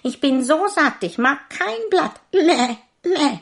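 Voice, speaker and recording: A woman's voice: sits high, expressive, slow, gravelly, pitched above the performer's own voice, exaggerated voice. A woman voicing a spiteful, lying goat in a storybook, with a bleating, mocking sing-song. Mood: smug. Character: spiteful lying nanny goat, fairy-tale animal.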